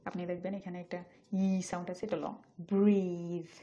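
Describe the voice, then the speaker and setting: A woman teaching English pronunciation, saying each word slowly twice and then explaining it. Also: fairly low pitch, monotone, dark tone, muffled recording. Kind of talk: spoken language lesson.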